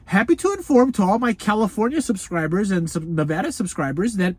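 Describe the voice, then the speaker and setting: In a loose, unscripted Los Angeles video, a food review host talks to the audience as "grandchildren," speaks of themself in the third person, and keeps laughing between comments in a chatty, folksy way. Their medium-pitched voice is animated, a bit quick, slightly mellow and husky, with no room sound at all.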